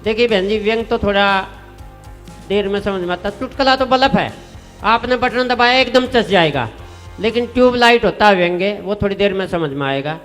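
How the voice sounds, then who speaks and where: A high-pitched man with a Haryanvi accent recites comic verse in a folksy, chatty way. His voice rings with the long reverb of a live stage, and faint music sits beneath it. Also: animated, moderate pace, fairly bright tone. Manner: folksy, chatty with the audience, rhyming punchlines. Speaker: comic poet. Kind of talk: stage comedy poetry recitation.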